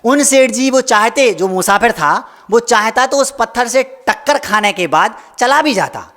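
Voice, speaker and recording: A man's voice: very high-pitched, animated, unhurried, fairly bright tone, in a large hall. A man, a Jain monk, preaching a sermon with stories, asking rhetorical questions and acting out quoted voices.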